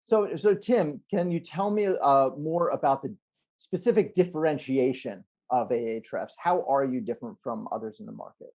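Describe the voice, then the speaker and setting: A man's voice: mid-range voice, moderate pace, a little mellow. A middle-aged man hosting a video interview, upbeat and enthusiastic, with some hesitant restarts, talking over wired earphones from a home office. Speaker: podcast host. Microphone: wired earphones on video call.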